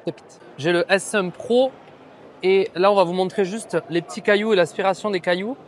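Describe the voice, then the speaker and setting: A man's voice: sits high, steady tone, normal speed. A man with a French accent vlogging from a trade fair, enthusiastic and slangy, talking straight to his viewers. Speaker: vlogger reviewing pool robots. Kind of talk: casual vlog at a trade fair. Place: large indoor trade fair hall.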